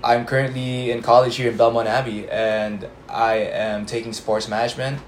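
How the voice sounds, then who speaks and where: Relaxed young man, roomy echo. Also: medium pitch. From Philippines. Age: young adult. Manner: relaxed, many um fillers and slow pauses. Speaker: interview guest. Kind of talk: casual interview answers. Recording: roomy echo, faint background noise.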